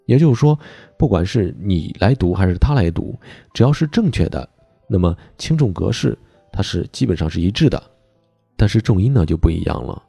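Low, husky male voice coach. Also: animated, fairly quick, dark tone, dry recording, soft background music. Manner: explanatory, stresses key words with sudden pitch jumps. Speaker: voice training teacher. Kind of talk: recorded online lesson.

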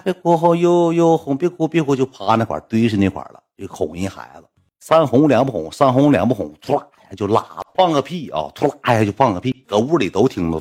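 A man's voice: on the low side, darkish tone, husky. A man with a Northeastern Mandarin accent telling a funny anecdote in a rambling, repetitive, colloquial way with some swearing. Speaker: storyteller. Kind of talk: casual anecdote storytelling.

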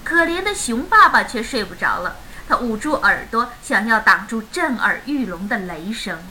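A woman reading a children's picture book aloud in an expressive, animated storytelling way. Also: a little high, normal speed, slight background noise, rough recording.

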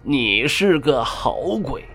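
A man voicing an old village wise woman who drives out ghosts, speaking in a slow, measured, admonishing way. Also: mid-range voice, sing-song, music in the background. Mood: stern. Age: older. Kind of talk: storytelling with character voices.

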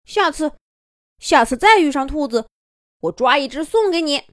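An eager, good-natured wolf king from a children's storybook, voiced by a woman, who bursts out in high, lively and loud lines. His voice leaps up and down as he chatters warmly to a new friend. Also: moderate pace, no echo, studio quality. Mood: grateful. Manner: excited, warm and loud.

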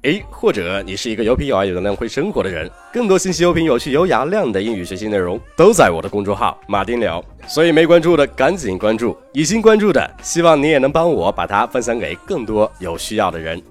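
A young man teaching English pronunciation, explaining in Chinese and modeling phrases slowly. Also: mid-range voice, sing-song, faint music behind. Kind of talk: online pronunciation lesson.

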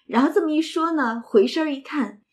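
A woman's voice: sits high, moderate pace. A woman retelling and explaining a classic novel in a casual, chatty way, with asides and rhetorical questions. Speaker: literature storyteller and explainer.

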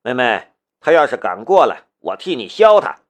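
A man's voice: mid-range voice, very animated, normal speed, close to an everyday voice. A man playing a cocky, provoking young martial artist. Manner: provocative, swaggering.

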